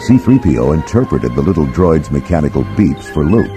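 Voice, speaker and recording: A man reads a dramatic, scripted storybook narration in a very deep voice that swings widely in pitch, with a sing-song, brisk delivery. Music plays clearly beneath him.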